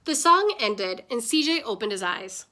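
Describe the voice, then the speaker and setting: A woman teacher reading a children's picture book aloud with expressive, lively storytelling. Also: a little high, moderate pace.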